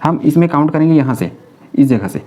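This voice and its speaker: A man's voice: on the high side, lively intonation, a little fast, dark tone. A man teaching a chemistry lesson, explaining step by step, repeating key terms and answering his own questions. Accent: Hindi-speaking North Indian. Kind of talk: classroom lecture.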